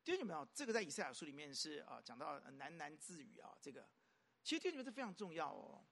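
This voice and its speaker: A man preaches with lots of drive and rhetorical questions. His voice sits high and bright and jumps all over the place. He moves between loud, emphatic lines and soft, quiet ones. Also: big pitch swings, fast, creaky. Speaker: pastor. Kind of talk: sermon.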